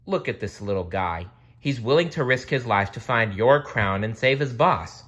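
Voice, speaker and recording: A man's voice: mid-range voice, expressive, normal speed, a bit bright, slightly rough. A man voicing an earnest young mermaid princess in a storybook read-aloud, pleading and scolding.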